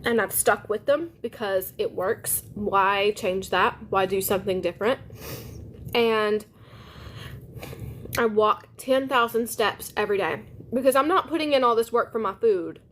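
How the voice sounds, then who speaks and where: A woman's voice: medium pitch, measured pace, fairly bright tone, slight background noise. A woman, chatting upbeat with live viewers while she eats lunch. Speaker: live-stream host. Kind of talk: casual live-stream chat while eating.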